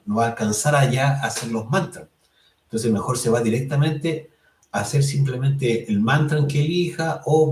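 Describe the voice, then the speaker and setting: A man teaching a lesson on meditation, calm and explanatory, who checks in often with his listeners and draws out chant syllables slowly. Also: medium pitch. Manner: calm and explanatory, tags phrases with "¿cierto?". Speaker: spiritual course instructor. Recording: roomy sound, mic at a distance.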